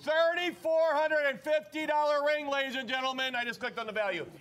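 High-voiced man repeating sales pitches. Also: fairly even intonation. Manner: fast, repetitive, urging viewers to yell sold. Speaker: shopping show host.

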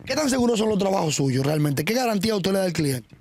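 Dominican male interviewer, fast and high-pitched, keeps probing. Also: big pitch swings, darkish tone. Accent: Dominican Spanish. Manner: probing questions, stammering repeats. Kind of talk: casual interview.

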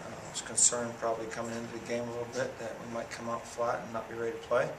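After a game, a head football coach in his thirties answers press questions plainly and steadily, talking fast in a mid-range voice with a completely flat delivery and plenty of fillers and restarts. He stands before a sponsor backdrop, recorded noisily and echoey by a far-off camera.

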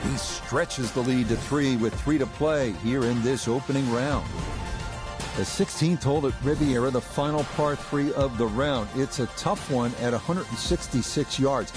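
A man playing a TV golf commentator in a video game, giving measured, polished broadcast commentary. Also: medium pitch, close to an everyday voice. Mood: informative. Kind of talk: scripted television-style golf commentary. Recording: music and crowd behind voice. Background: background music and crowd.

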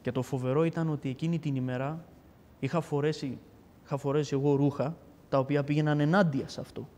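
A guest shares his personal testimony in a casual, animated way, acting out the back-and-forth of the events. He has a fairly high voice that rings out with a long hall reverb.

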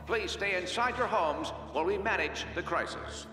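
A male city announcer speaking through a public-address loudspeaker, formal and prone to dry asides. His voice sounds distant and bounces around a long, echoing space. Music plays clearly behind him, as in a game cutscene. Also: high-pitched, normal speed. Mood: announcing.

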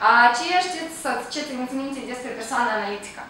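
A woman's voice: high-pitched, fairly bright tone. A woman leading a staff training session, prompting the group with questions and recapping their answers. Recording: echoey room, distant mic, faint noise.

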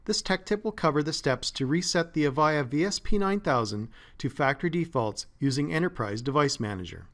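Man narrating a tech tutorial, lively pitch. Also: a little fast, few pauses. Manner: steady, methodical step-by-step delivery. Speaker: support engineer presenting a tech tip. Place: voice-over, not recorded in the pictured place.

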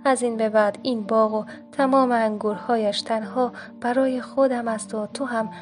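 A woman's voice: fairly high pitch, fairly even intonation, faint music behind, lightly acted. A woman voicing a sly, scornful fox in a told folk tale, speaking in a mocking, reproachful way.

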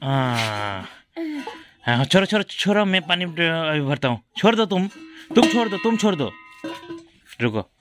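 Filming a home vlog indoors, a man with a slightly high voice and big pitch swings patiently coaxes his young daughter, asking her the same questions again and again. He speaks a little slowly with long pauses, and music plays underneath.

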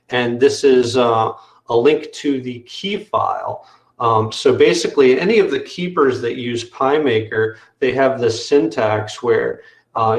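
Man, gravelly voice, explanatory screen-share walkthrough, lots of fillers, roomy video-call audio. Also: mid-range voice. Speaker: developer demoing software.

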